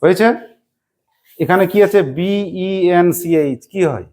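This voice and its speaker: A woman teacher runs a classroom grammar lesson in a lowish voice. She keeps the class engaged with constant questions and spells words out one letter at a time. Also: slow, a little mellow. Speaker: English teacher.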